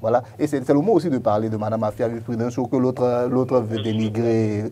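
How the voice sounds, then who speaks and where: A man's voice: medium pitch, fairly even intonation, brisk, warm tone, a little hiss or hum. A man with an Ivorian accent co-hosting a studio tribute talk, speaking earnestly and often repeating words as he starts a thought. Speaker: radio co-host. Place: broadcast studio.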